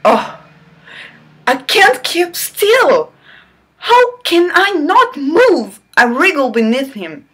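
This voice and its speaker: Her voice sits high and sing-song, slow and a little bright, as this channel host gives a romance novel a mock-dramatic, theatrical reading. Every so often she stops to squeal or toss in a sarcastic aside.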